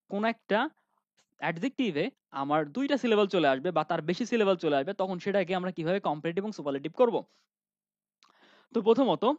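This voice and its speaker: A man with a high voice teaches grammar online, repeatedly asking his students questions and then answering them himself, with lots of ums and other fillers. The audio is dull and dry.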